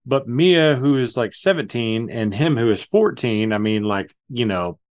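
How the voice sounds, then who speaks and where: Podcast co-host, male, mid-pitch, chatty film reviewer who slips into mocking voices. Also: measured pace. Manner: animated, acts out quotes in mocking voices. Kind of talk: casual movie review chat.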